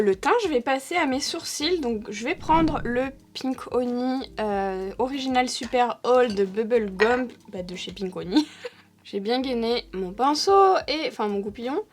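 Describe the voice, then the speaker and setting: Chatty young woman doing a makeup tutorial. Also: on the high side. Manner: chatty, thinks aloud with many fillers. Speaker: beauty vlogger.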